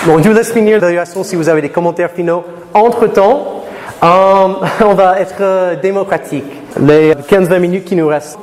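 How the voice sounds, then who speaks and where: A man from Florida lecturing students in a lecture room, lively, and slowing to careful English for learners. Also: high voice. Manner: lively, switches to slow deliberate English for learners. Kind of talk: classroom talk to students. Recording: reverberant hall with faint noise.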